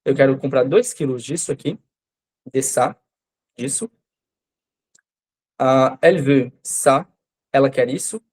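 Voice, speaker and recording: A man's voice: mid-range voice, measured pace, pauses often, darkish tone, husky. Brazilian Portuguese male teacher explaining French. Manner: explains patiently, often adds "né?" and "tá?". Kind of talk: live online language class.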